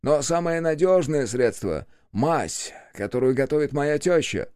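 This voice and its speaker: A man's voice: a little high, animated, a little slow, a little mellow, clean tone, dry recording, clean studio sound, voice pushed up. A man voicing a gloomy, chatty constable who grumbles with wry humor.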